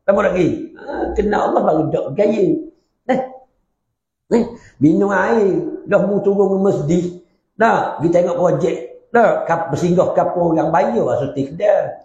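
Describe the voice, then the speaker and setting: A man giving a religious class, humorous and animated, often checking with questions to the class. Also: high voice, measured pace. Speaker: religious teacher. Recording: roomy, slightly dull recording.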